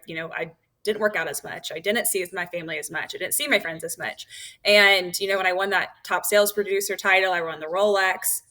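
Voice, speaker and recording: A woman in her thirties, an author appearing as a podcast guest, talks candidly and enthusiastically in a casual interview, using lots of fillers. Her voice sits in the mid range and has a sharp tone.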